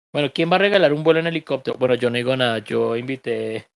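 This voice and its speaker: A man's voice: medium pitch, steady tone, brisk, vocal fry, no room sound. A man with a Colombian accent teaching an online English reading class, explaining pronunciation patiently with joking asides.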